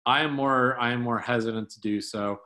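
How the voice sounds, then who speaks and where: A man's voice: mid-range voice, fairly even intonation, brisk, pushed and bright. A man co-hosting a sports podcast, talking casually about football with many fillers and restarts.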